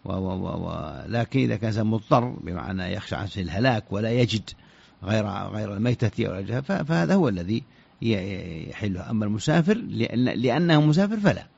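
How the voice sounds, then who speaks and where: A man giving religious rulings on a radio show, halting and often repeating words as he searches for the next one, on a dull lo-fi recording. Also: on the low side, big pitch swings, creaky, darkish tone, breathy edge. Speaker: scholar answering religious questions. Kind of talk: radio fatwa answers.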